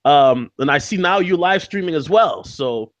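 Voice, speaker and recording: A man hosting a casual live-stream interview over a video call, his audio choppy and lo-fi from a bad connection, talking in a halting way with many fillers. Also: fairly high pitch, expressive, no echo. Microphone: video call from a backup laptop.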